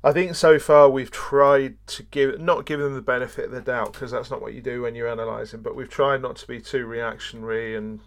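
A man joins a football podcast over a remote line, his voice at a middling pitch. He analyses the match thoughtfully, hesitating and restarting his sentences as he works things through. His jokes land deadpan. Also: brisk, creaky, hardly any pauses. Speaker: podcast co-host. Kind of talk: casual football analysis chat. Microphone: remote call.

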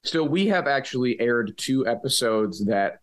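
A man hosting a podcast in casual banter, with a sleepy, just-woken vocal fry in his voice. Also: medium pitch, lively intonation, a little slow. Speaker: podcast host.

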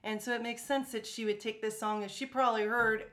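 A woman with an American accent in a casual music discussion, talking in an animated way. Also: on the high side, a little fast. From United States. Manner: animated, breaks into sung syllables to illustrate. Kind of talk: casual chat about folk music.

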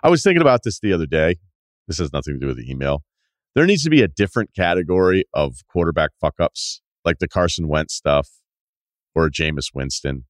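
A man's voice: rumbling low, very animated, fairly quick, dry recording, studio quality. A man hosting a sports podcast, chatting casually and reading out listener emails.

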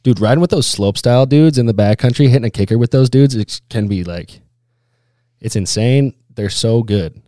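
A man's voice: mid-range voice, normal speed, dark tone, dry recording, studio quality. A man telling stories in a casual, laid-back way as an interview guest, full of snowboarder slang, with "like" and "dude" all through. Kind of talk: casual chat, storytelling.

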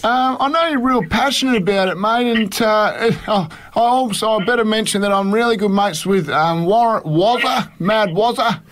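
Man putting on a high-voiced, drawling Aussie sheep farmer. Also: moderate pace, hardly any pauses, fairly bright tone, slight background noise. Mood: matey, hesitant. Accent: Australian. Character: friendly older country sheep farmer, prank caller. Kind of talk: prank phone call. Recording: phone call played on radio.

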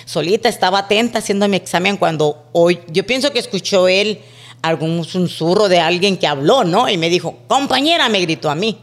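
Lively woman telling stories. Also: lowish voice, fairly quick. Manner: animated, acts out quoted dialogue. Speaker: podcast guest. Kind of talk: casual storytelling.

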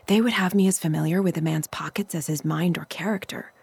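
A woman's voice: fairly low pitch, fairly even intonation, fast, gravelly, darkish tone, breathy edge, no echo. A woman playing a scornful young servant boy. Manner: mocking, confiding asides. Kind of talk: Shakespearean stage acting.

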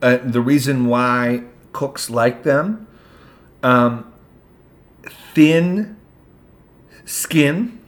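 A man's voice: medium pitch, very slow, long pauses. A man co-hosting a podcast in casual chat, playful and laughing often, with lots of ums and restarts. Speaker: podcast co-host.

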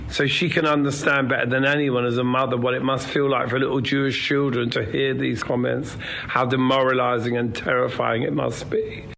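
Gravelly guy giving his opinion, fairly flat pitch range, indignant, faint noise behind. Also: fairly quick, poor audio. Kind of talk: spoken opinion.

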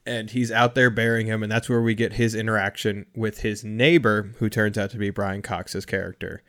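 A man's voice: fairly low pitch, flat delivery, moderate pace, a bit bright. A man co-hosting a podcast, chatting casually and enthusiastically about a horror film. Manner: enthusiastic, joking. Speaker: podcast co-host. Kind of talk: casual movie discussion.

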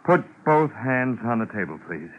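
An actor playing a nervous, guarded wealthy husband in an old radio crime drama, edgy, hesitant and stiffly polite. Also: male voice, medium pitch, sing-song, normal speed, natural voice. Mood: menacing, guarded. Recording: noisy, narrow-band old radio recording.

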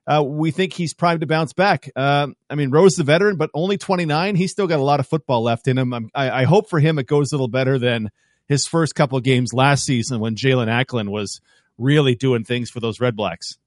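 A man talking football in a loose, animated way, sometimes throwing in playful sound effects. His voice sits at an ordinary middle pitch. The recording is close and dry. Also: fairly quick, no room sound. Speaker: football analyst guest. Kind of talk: casual sports talk.

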